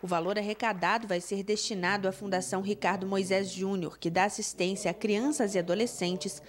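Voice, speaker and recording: A woman's voice: mid-range voice, fairly even intonation, a little fast. Brazilian woman reading a news report. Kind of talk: scripted news narration.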